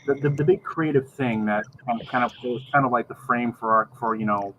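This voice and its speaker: A middle-aged man chatting casually on a video call, rambling and halting, often repeating words as he gathers his thought. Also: mid-range voice, pushed and bright. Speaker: podcast co-host. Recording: dull lo-fi video call, faint background noise.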